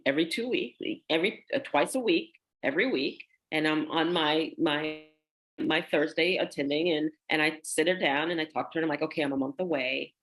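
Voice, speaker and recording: A woman, a guest, telling her story in a conversational way and acting out the people she quotes. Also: deep voice. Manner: animated, acts out quoted dialogue.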